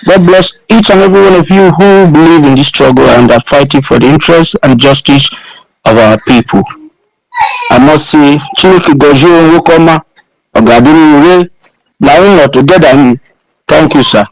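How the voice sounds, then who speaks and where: A man's voice: a little high, moderate pace, gravelly, poor audio. A man calling in to an online audio room and giving an impassioned, rallying speech. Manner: fervent, rallying. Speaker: caller.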